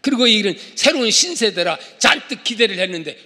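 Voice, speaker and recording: Male pastor, high and lively voice, call-and-response sermon, long church-hall echo. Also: fast talker. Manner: call-and-response preaching, shouting for emphasis. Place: church sanctuary.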